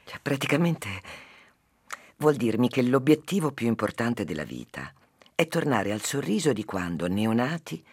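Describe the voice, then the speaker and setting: A man conducting a conversation and then narrating a fairy tale in an animated, expressive way. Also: medium pitch, normal speed, slightly rough, no room sound, clean studio sound. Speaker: interviewer and storyteller.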